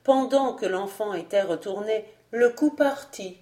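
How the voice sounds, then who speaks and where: Slow, measured woman narrator. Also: medium pitch, dark tone. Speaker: audiobook narrator. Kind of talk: scripted narration of a classic novel.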